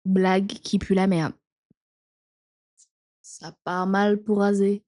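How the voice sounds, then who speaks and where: A woman's voice: medium pitch, fairly even intonation, slow, dark tone, dry recording, clean studio sound. A woman giving frank, opinionated commentary on a TV show she is reacting to. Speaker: reaction video host. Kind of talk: casual commentary.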